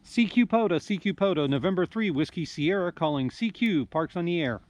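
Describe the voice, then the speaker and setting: A man outdoors in the cold making a ham radio call, slowly spelling phonetic call signs and giving signal reports. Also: sits high, expressive, slight background noise. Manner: slow, deliberate phonetic spelling. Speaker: ham radio operator and video host. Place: outdoors in a park in winter.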